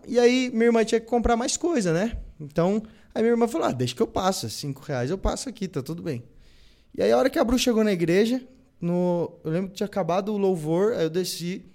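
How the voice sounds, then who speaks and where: A man's voice: high voice, a little mellow. A young Brazilian man, a guest, telling a personal faith story and acting out the dialogue as he goes. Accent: Brazilian Portuguese.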